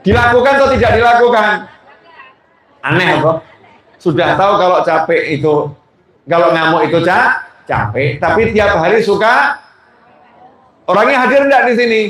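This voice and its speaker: Echoey Javanese-accented preacher, slow and high. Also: male voice, lively intonation, fairly bright tone. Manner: jokey, keeps asking the audience questions. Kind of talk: humorous sermon to a live congregation. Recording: very echoey hall.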